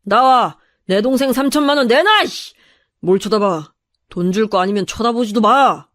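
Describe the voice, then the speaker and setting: Woman voicing a burly gangster brother, bellowing threats, fairly high voice, radio storybook. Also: animated, moderate pace, fairly bright tone, dry recording, clean studio sound. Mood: menacing, shouting. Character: hulking loud gangster older brother, menacing.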